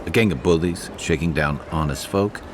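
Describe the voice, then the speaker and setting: An actor playing a calm, dryly reassuring companion in a video game. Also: male voice, very deep voice, moderate pace, noisy background. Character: calm, wry male adventurer companion.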